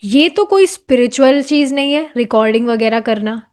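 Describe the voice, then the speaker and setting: High-voiced woman teaching a devotional class. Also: animated, moderate pace, darkish tone. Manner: mixes English phrases into Hindi, asks listeners rhetorical questions; anecdotal, conversational explaining. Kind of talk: explaining a devotional book to a class.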